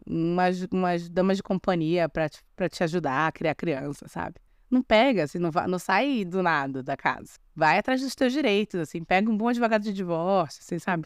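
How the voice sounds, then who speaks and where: A woman's voice: fairly low pitch, clean tone, no echo, studio quality. A young woman with a Brazilian Portuguese accent hosting a podcast, retelling a fairy tale casually with sarcastic asides and frequent restarts. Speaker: podcast host. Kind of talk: casual storytelling with commentary.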